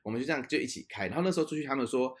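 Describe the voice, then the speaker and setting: A young man co-hosting a podcast, telling a travel story in a lively way, laughing often and dropping in English words. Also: mid-range voice, rapid-fire. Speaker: podcast co-host. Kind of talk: casual chat, storytelling.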